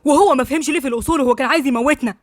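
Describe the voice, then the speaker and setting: A hot-headed Egyptian young man rattles off quick, agitated words, as a woman reader voices him. His pitch sits high for a man, and the sound is close and dry. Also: a little mellow, no room sound, close to an everyday voice. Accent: Egyptian Arabic.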